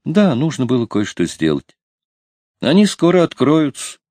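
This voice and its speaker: Male reader voicing a young woman, coy, stubborn, hesitant speech, raised pitch, audiobook, dry close recording. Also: huge pitch swings, normal speed, dark tone, no echo. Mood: gentle. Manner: hesitant, teasing.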